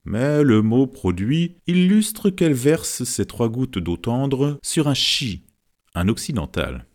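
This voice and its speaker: A man's voice: medium pitch, big pitch swings, slow pace, darkish tone. A man narrating a novel chapter as an audiobook, reading expressively. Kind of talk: scripted narration.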